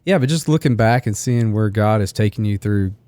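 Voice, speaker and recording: A man's voice: fairly low pitch, a little fast, dark tone, no room sound. Casual podcast host, man in his forties, easygoing and reflective, dry close sound. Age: 40s. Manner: easygoing, reflective, laughs often. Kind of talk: casual chat.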